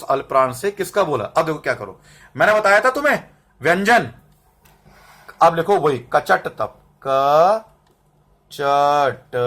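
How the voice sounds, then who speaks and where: A man's voice: sits high, fairly bright tone. A man teaching a lesson to students. He calls them बेटा, repeats terms and syllables to drill them, and keeps checking whether they understand. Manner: drills terms and asks "समझ में आ रहा है?" to check understanding. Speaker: Hindi teacher. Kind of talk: recorded classroom lesson. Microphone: camera mic, set up and adjusted by himself.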